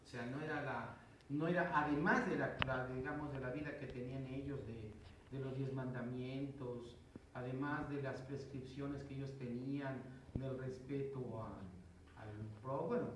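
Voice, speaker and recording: A man's voice: medium pitch, normal speed. A man with a Mexican accent, a priest teaching a casual Bible class, talking things through with fillers and rhetorical questions. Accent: Mexican Spanish. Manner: conversational, explains with many fillers and rhetorical questions. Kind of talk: informal Bible class explanation. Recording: roomy echo, distant mic, faint noise.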